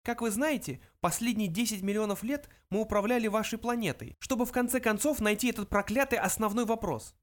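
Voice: medium pitch, brisk, hardly any pauses, pitched above the performer's own voice, lightly acted. An audiobook reader voicing Benjy, a cold, imperious little lab mouse who speaks curtly and dismissively. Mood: commanding. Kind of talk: audiobook character reading.

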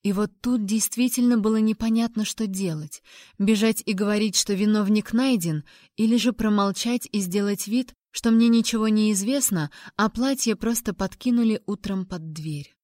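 A woman narrating a first-person audiobook in an expressive, lightly dramatic way. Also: medium pitch, moderate pace, no echo, studio quality.

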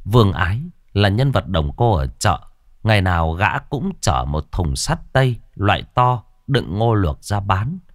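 Man, story narration, low voice, lively intonation, dry close sound. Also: unhurried, no room sound. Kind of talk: scripted horror story narration.

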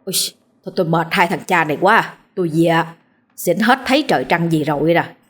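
A woman's voice: lowish voice, a little fast, close to an everyday voice. A woman voicing a weary, tipsy old man. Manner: slurred, tired. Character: weary drunken old village man, self-pitying.

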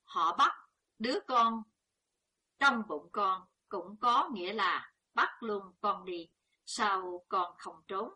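A woman's voice: medium pitch, takes it slowly, sharp tone, husky, exaggerated voice. A woman voicing a worried older peasant mother who scolds anxiously. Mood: fretful.

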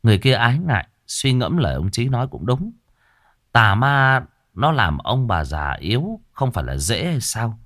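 A man telling a horror story in a dramatic, animated way. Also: medium pitch, normal speed, dry recording, clean studio sound.

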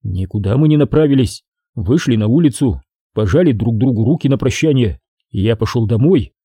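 A man's voice: mid-range voice, expressive, a little fast, dark tone, breathy edge, no echo, studio quality. A man voicing a nervous male scientist answering police questions defensively. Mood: anxious. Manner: anxious, defensive. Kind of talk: audiobook character voice.

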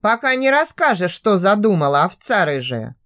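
A woman's voice: medium pitch, big pitch swings, normal speed, fairly bright tone. Woman putting on a cocky hot-tempered young man. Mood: angry. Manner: rough, mocking, drawn out.

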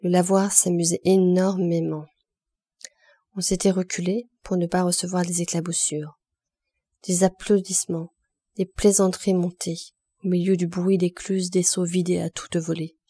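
A woman narrating a classic novel aloud in an expressive, measured reading. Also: fairly low pitch, slightly rough, no room sound, studio quality. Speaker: audiobook reader.

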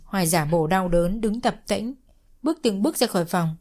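A woman's voice: medium pitch, lively intonation, normal speed, a little mellow, faint music behind. A woman telling a family drama story in the first person as scripted narration.

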